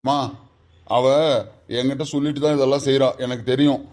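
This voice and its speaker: A man playing a calm, reasoning son. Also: medium pitch, fairly quick, natural voice. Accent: Kanyakumari Tamil. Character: patient son and husband, calm peacemaker. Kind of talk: family comedy skit.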